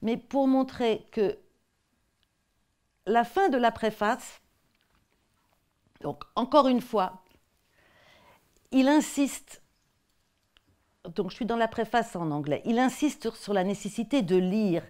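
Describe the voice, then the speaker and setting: A woman's voice: a little high, slow pace, long pauses, a little mellow. A woman with a French accent giving an academic talk on textbook excerpts, conversational and hesitant, often repeating words. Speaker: lecturer.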